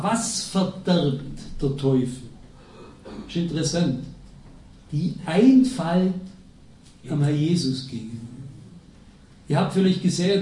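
A man's voice: sits high, dark tone. A man preaching a sermon, telling stories in an emphatic, conversational way. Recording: echoey hall, distant from the mic.

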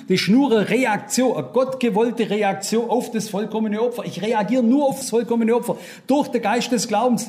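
A man's voice: high-pitched, darkish tone. A man preaching a sermon, earnest and emphatic, speaking straight to his listeners.

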